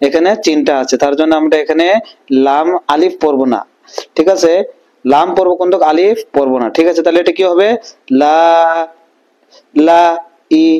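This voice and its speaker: A man with a Bangladeshi Bengali accent teaching a Quran reading lesson, often checking in with his students and slowly sounding out syllables. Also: on the high side, steady tone, mellow, muffled recording.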